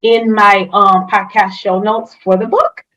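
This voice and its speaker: The recording is rough, and this woman's mid-range voice stays level in tone, a bit bright, at a measured pace. She's an HR consultant and the guest in a casual interview, enthusiastic and full of fillers and restarts. Her first language is French, and she grew up speaking French and Creole in a Haitian family.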